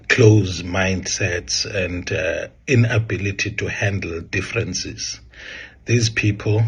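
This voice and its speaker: Very husky, low-voiced male analyst. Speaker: political analyst. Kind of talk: measured spoken commentary.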